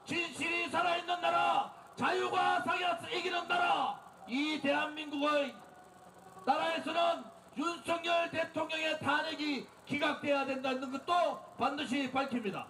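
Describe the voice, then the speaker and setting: A man delivering an impassioned, declamatory political rally speech as the leader, exhorting listeners and shouting slogans. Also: very high voice, steady tone, normal speed. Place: outdoor street rally in front of a building. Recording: outdoor PA, echoing, distant, noisy crowd.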